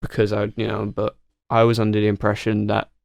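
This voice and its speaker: A young man talks in a Hull accent with a gravelly edge to his voice. He is chatting as a guest, informal and happy to swear. The sound is dry and close. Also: fairly low pitch, monotone, brisk, dry recording. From Hull, England. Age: young adult. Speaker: podcast guest, music student. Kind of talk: casual chat.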